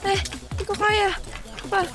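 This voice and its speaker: A woman streaming a game live from home, chatting casually and shrieking with excitement as she plays. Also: extremely high pitch, measured pace. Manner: excitable, shrieks and cheers while playing. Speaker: livestreamer. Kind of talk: casual gaming livestream chat. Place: at home, indoors. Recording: loud game music underneath. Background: game music.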